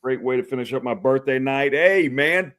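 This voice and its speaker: At normal speed and medium pitch, with a somewhat bright tone, a Texas man hosts an informal livestream talk show. He greets viewers by name in a friendly way, often addressing them as brother and chuckling frequently.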